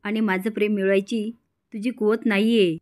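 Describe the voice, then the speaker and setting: A woman's voice: mid-range voice, little pitch movement, moderate pace, a little mellow, natural voice. A woman reading as a proud scornful young man. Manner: read out within a plain recap.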